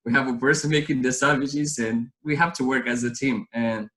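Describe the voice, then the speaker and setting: A man's voice: mid-range voice, fairly even intonation, brisk, a bit bright, low-quality recording. A man in his thirties from Romania, speaking with a Romanian accent as an interview guest, telling his story earnestly in a rambling way with many restarts. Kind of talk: casual interview chat.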